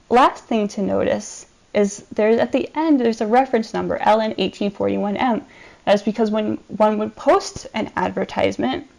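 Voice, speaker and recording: A woman giving a recorded presentation over slides, measured and explanatory, with frequent ums. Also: medium pitch, creaky, darkish tone, rough recording. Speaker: archivist presenting a collection.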